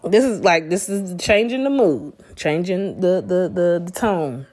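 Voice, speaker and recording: A woman with a Southern US accent hosts a casual solo podcast, congested from allergies and speaking bluntly, swearing a lot, rambling and restarting her sentences. Her voice is lowish and darkish yet lively in intonation, a little slow, with faint music in the background.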